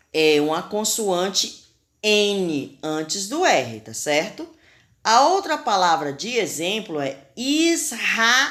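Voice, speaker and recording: A Brazilian woman teaches spelling in a very slow, patient voice. Her pitch sits fairly low but moves a lot as she stresses each sound. She spells out syllables clearly, as if for young pupils. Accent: Brazilian Portuguese. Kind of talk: recorded school lesson.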